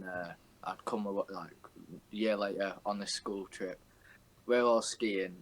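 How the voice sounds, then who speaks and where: A young man talks in a lowish voice, chatting casually on a podcast. He jokes around with his friends, swears easily and goes into long explanations. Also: a bit bright, poor audio. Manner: bantering, sweary, explains at length. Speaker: podcast co-host. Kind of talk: casual chat.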